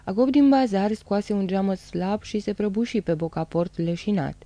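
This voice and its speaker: A woman narrating an audiobook of a novel in a steady, dramatic storytelling manner. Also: medium pitch, dry recording. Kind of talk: audiobook reading.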